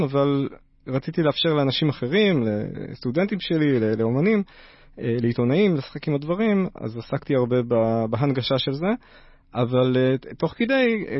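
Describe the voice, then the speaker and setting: A man being interviewed, telling stories conversationally and haltingly as he searches for his words. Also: mid-range voice, animated, dry recording, highs cut off. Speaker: interview guest, university teacher and activist artist.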